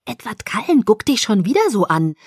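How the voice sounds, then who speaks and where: A woman's voice: fairly high pitch, very animated, normal speed, dry recording, studio quality, voice pushed up. A woman reading a German story, voicing an incredulous, gossipy schoolgirl friend.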